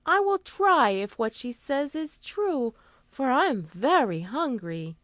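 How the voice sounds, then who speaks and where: A woman's voice: sits high, very animated, takes it slowly, a bit bright, dry recording, pitched above the performer's own voice, full character voice. A woman voicing a hungry, mistreated little girl who speaks in a pleading, plaintive way in a storybook reading. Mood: hopeful.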